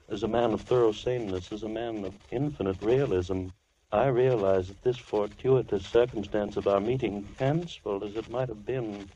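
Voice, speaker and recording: An actor playing a soft-spoken, coldly polite madman in a 1940s radio drama. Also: fairly low pitch, natural voice. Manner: slow, silky, coldly polite. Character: menacing soft-spoken male madman, middle-aged. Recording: muffled 1940s radio recording with hiss.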